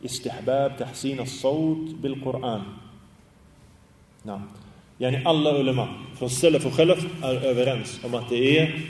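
An Islamic teacher leads a religious study class, asking his students questions, answering them himself and chanting Arabic phrases in a sung tone. His voice is mid-range, picked up by a distant mic in a large hall with a roomy sound and background noise.

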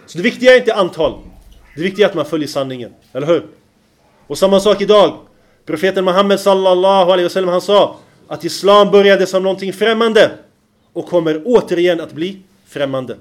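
Male preacher with a high voice, lecturing with rhetorical check-ins and chanted recitation. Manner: keeps checking the listeners follow, with rhetorical questions; recites Arabic verses with a chanting lilt. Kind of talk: religious lecture.

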